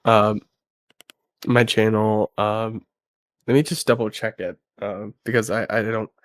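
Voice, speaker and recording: A sick man with a nasal voice, talking low and quiet in a casual movie review chat, halting with fillers. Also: level tone, dry recording. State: sick, congested.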